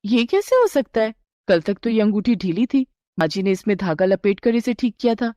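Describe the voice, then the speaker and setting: A woman voicing a curious, excitable young daughter-in-law who asks eager questions in a raised voice. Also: medium pitch, moderate pace, no echo, clean studio sound, close to an everyday voice. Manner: wide-eyed, eager, questioning.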